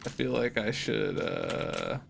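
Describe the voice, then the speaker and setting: A woman's voice: rumbling low, slow, creaky. A woman giving casual, slangy, sweary commentary while playing a co-op video game. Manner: profane, hyped slang. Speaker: gamer playing co-op. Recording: game noise and keyboard clicks behind.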